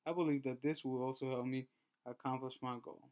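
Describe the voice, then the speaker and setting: A Honduran man in his twenties presents to his class, reading through his slides at a measured pace with a few small restarts. His mid-range voice is a little mellow, with fairly even intonation.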